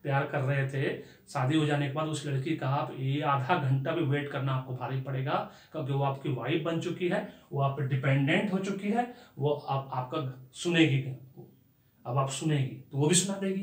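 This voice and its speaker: A man's voice: fairly high pitch, moderate pace. Man lecturing in a roomy echo. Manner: conversational, rhetorical questions, mixes in English phrases. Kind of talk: life-skills lecture.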